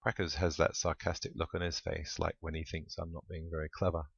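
Man voicing earnest young male pig, low, gravelly, husky, dull dry recording. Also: completely flat delivery, brisk, exaggerated voice.

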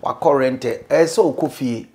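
A middle-aged Ghanaian man, a bishop, talking as an interview guest in a room, mixing English and Twi, animated and preacherly. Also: mid-range voice, slow pace. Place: indoor living room, seated on sofa.

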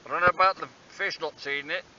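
Fishing from a stony harbour shore, an angler vlogger talks to himself in a wry, self-deprecating way, fast and fairly even in intonation, with a slightly high, sharp voice. His small handheld action camera captures dull lo-fi audio with faint wind.

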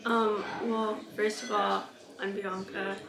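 A woman's voice: mid-range voice, flat delivery, slow pace, vocal fry. A teenage girl answering interview questions, hesitant and full of "like". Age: teens. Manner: hesitant, lots of fillers. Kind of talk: casual interview. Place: living room. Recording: echoey room with chatter.

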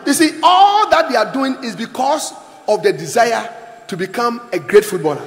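A middle-aged man preaching emphatically in a large church hall on a handheld mic, pausing for an interpreter. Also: very high voice, expressive. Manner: emphatic, repeats lines for the interpreter. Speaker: pastor. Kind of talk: sermon with interpreter. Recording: echoey hall with long reverb.

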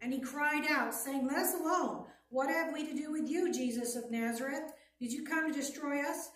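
A woman reading scripture aloud during a sermon in a steady, measured way. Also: high-pitched. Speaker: scripture reader. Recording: echoey room, heard from a distance.

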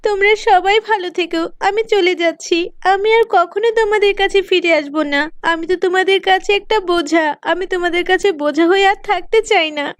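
A woman's voice: very high voice, normal speed, dry recording, pitched above the performer's own voice. A woman doing a meek, tearful cartoon girl. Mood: sad, resigned. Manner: pleading, tearful and submissive. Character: meek mistreated teenage girl, gentle. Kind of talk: cartoon voice acting.

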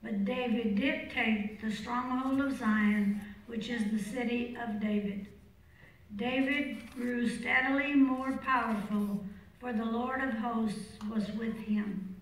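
A woman's voice: a little high, fairly even intonation, slow pace. A woman reading scripture formally as a lector at Mass. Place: large reverberant church. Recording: very echoey church, distant mic.

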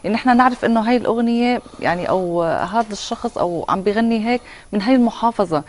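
A woman's voice: medium pitch, rapid-fire, a little mellow, a little hiss or hum. A young Syrian woman hosting a chatty television studio interview. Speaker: TV host. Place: TV studio, seated on sofa.

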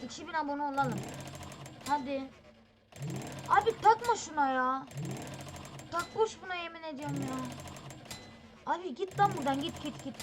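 A woman hosting a gaming channel, giving excited, impatient commentary on a mobile game. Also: high-pitched, moderate pace, pauses often. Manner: excitable, impatient, chatty exclamations. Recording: steady background noise.

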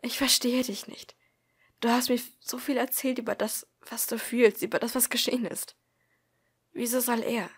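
Brief: a woman doing a blunt blonde schoolgirl, fiery, a little husky, storybook reading. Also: medium pitch, steady tone, normal speed. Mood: angry. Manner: sharp, scolding outbursts.

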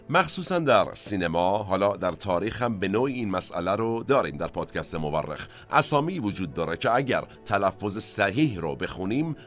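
A man's voice: fairly low pitch, fairly bright tone. A man hosting a cinema history podcast, telling stories in a conversational way with asides to his listeners. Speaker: podcast host.

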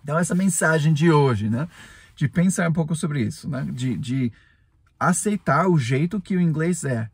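Husky man, a native English speaker talking Portuguese. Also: on the high side, lively intonation, normal speed, dry recording. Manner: earnest, repetitive, with frequent tag questions and chuckles. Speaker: English teacher, podcast host. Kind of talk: casual spoken lesson.

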